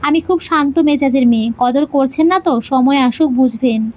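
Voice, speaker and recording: A woman's voice: sits high, normal speed, a little mellow, natural voice. A woman playing a spirited young bride. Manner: playful, pouting retorts. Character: spirited young bride, quick-tempered and teasing.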